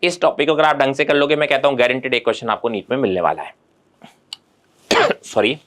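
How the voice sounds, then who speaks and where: A man's voice: mid-range voice, fairly quick, a bit bright. A man teaching an exam-preparation lesson in Hindi mixed with English terms, speaking straight to his students in a reassuring way.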